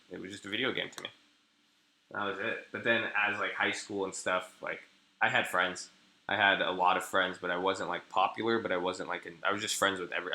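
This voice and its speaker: A young Californian day trader streams live, rambling casually with crude slang and unfinished sentences. His voice is very low in pitch yet sounds very bright and sharp, and the room gives it a noticeable echo.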